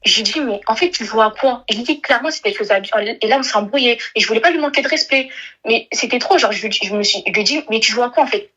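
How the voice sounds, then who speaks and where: A woman's voice: a little high, fast talker, bright, forceful tone, slightly rough, lo-fi sound. A young woman calling in, telling a personal story in a rambling, hesitant way with many restarts. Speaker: caller. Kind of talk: emotional phone-in confession.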